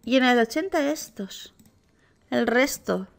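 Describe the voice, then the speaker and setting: A woman with a Spain Spanish accent, a gaming youtuber giving casual, excitable reaction commentary. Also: a little high, slow, vocal fry. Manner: excitable, gushing exclamations.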